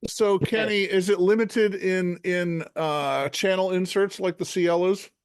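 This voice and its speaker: A man's voice: high-pitched, steady tone, measured pace, clear, resonant tone, no room sound. A man in his sixties chatting easily on an online panel, laughing along. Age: 60s. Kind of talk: casual panel chat. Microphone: video call.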